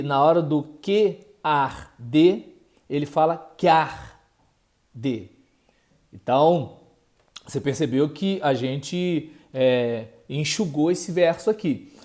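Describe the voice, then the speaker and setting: A man's voice: a little high, a little mellow. A man teaching a language lesson, explaining patiently with many fillers and check-in questions to the viewer.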